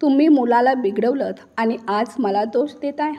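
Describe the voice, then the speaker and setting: A woman voicing a wronged middle-aged mother-in-law who has turned defiant, speaking slowly and with emphasis. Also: fairly high pitch, highs cut off, close to an everyday voice. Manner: slow, emphatic dramatic delivery.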